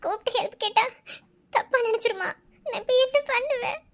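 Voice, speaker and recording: A shrill cartoon med student in pain. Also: female voice, fairly quick. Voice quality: very high, bright girlish voice.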